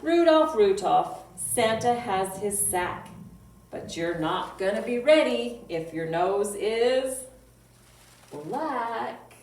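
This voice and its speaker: Reciting poems and singing for young children, a library storytime host speaks in a playful sing-song way and asks simple questions. Her mid-range voice is sing-song, slow and a little mellow. Faint noise and roomy echo come from the distant mic.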